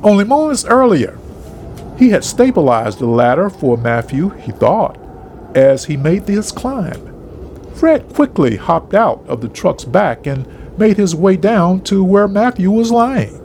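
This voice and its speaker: A man reading a story aloud in an expressive, dramatic narration style. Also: sits high, a little slow, a little hiss or hum.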